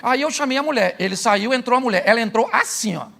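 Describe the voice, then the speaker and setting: Middle-aged Brazilian pastor, bright and edgy tone, storytelling preacher who acts out both sides of a conversation. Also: male voice, extremely high pitch, expressive, quick pace, creaky, slight background noise. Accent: Brazilian Portuguese. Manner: storytelling, jokes, acts out dialogue. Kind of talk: humorous sermon.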